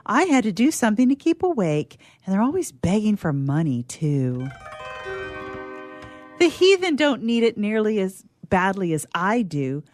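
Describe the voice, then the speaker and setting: A young actress plays a petulant, self-absorbed young woman in an old-fashioned radio theatre monologue, complaining theatrically and scornfully to her mother. Her mid-range, darkish voice swings hugely in pitch at an unhurried pace, with soft music behind her.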